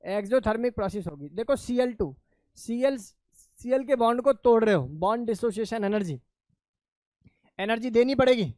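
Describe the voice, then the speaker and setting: A man's voice: very high-pitched, expressive, normal speed, warm tone, no echo. A male chemistry teacher lecturing in a classroom. He keeps asking his students questions, answers them himself, and calls them "beta".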